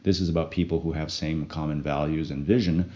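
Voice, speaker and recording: A man from French Polynesia, a guest speaking in a thoughtful, casual interview manner with many pauses and fillers. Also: very deep voice, steady tone, dark tone, lo-fi sound. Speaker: guest, project co-founder.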